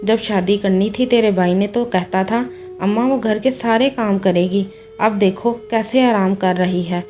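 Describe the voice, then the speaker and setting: A woman's voice: mid-range voice, a little slow, faint music behind, lightly acted. A woman voicing a harsh, scheming mother-in-law who talks with scorn, in a storybook tale. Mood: scornful. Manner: scornful, sharp-tongued.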